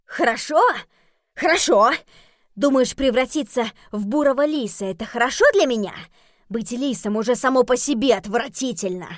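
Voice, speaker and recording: Female reader doing a high, loud, sulky fox guy in a storybook, whiny and worked up. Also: normal speed, no echo, clean studio sound, close to an everyday voice. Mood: indignant. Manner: whiny, indignant outbursts. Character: grumpy dramatic male fox, sulky and loud.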